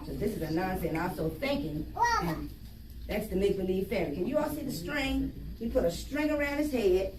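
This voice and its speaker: Animated woman reading aloud to young children. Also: medium pitch, brisk. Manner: engaging, explains the story to children in simple words. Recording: roomy, distant mic, faint noise.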